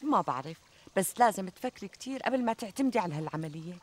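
An actress playing a flattering, reassuring middle-aged Syrian friend who talks emphatically in a TV comedy. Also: female voice, mid-range voice, racing, lightly acted. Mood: concerned. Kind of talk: conversational TV comedy sketch acting. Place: outdoors in a garden. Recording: outdoor ambience, trickling water noise.

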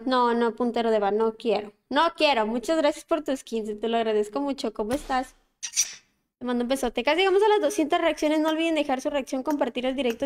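A chatty Mexican woman with a high voice streams a game and calls out hellos to her viewers one after another. Her talk is casual and quick to react, over a faint hiss in the background. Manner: chatty, warmly greets viewers by name. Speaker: gaming livestreamer. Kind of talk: casual livestream chat while playing.

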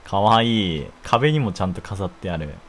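A young man giving casual, jokey commentary while playing a game, quick to exclaim and laugh. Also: low-pitched, lively intonation, a bit bright, a little hiss or hum.

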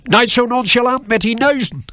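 A man's voice: very high-pitched, moderate pace, bright, forceful tone, no echo, voice pushed up. A man voicing a hot-tempered male factory boss with a Groningen dialect, bellowing and scolding. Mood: furious.

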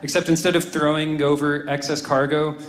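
Recorded live in a club with audible crowd noise, this twentysomething comedian works a handheld mic through a self-deprecating stand-up set, with laughter between his lines. His voice is slightly high and level, fairly quick, and the room sounds spacious. His humor is dry, sprinkled with "you know" and "I don't know."

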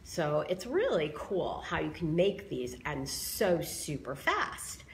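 Brief: middle-aged woman, slightly hoarse, friendly live craft demo host, lowish voice that swoops around a lot. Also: huge pitch swings, slow, slight background noise. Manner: chatty, explains each step, greets viewers. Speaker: craft tool creator demonstrating bows.

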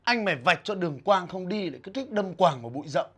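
A man's voice: sits high, expressive, fast, husky. A young man, acting as a bossy single older brother who scolds and brags in a comedy short film. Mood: scolding. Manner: grumbling, scolding, boastful.

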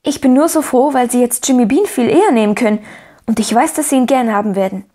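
A woman's voice: fast talker, natural voice. A woman voicing a cheerful, optimistic little orphan girl who talks eagerly and pleadingly in a raised voice. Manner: eager, pleading, bright and higher.

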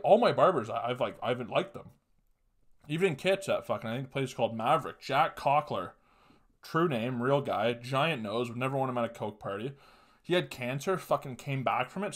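A young man from Canada hosting a podcast, telling rambling, profane comic stories in a casual way, recorded at home on a webcam. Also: mid-range voice. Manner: rambling, profane, animated storytelling. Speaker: podcast host. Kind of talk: casual comedic storytelling. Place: small room at home, indoors.

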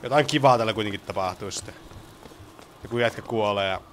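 A young man giving casual let's play commentary, swearing and excitable. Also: on the low side. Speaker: gaming streamer. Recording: game sound noise behind. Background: video game sound.

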